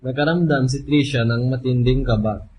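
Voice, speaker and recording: A radio drama is narrated by a man working from a script, his medium-pitched voice moving at a moderate pace. The audio sounds dull, and there's faint ambient noise behind him.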